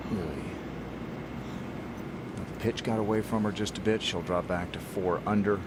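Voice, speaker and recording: Male golf play-by-play announcer, lowish voice, clear outdoor background noise. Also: steady tone, moderate pace. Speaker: golf commentator. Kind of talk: television golf commentary. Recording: loud outdoor course noise.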